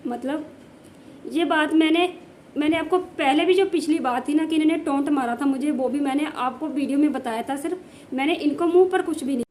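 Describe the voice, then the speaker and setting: A high-pitched woman from the Jammu region tells a family story on her home vlog. She talks in a casual way and says things twice to drive them home. A faint hiss sits under her voice. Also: fairly quick, a little mellow. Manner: emphatic, repeats phrases for stress. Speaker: village housewife vlogger.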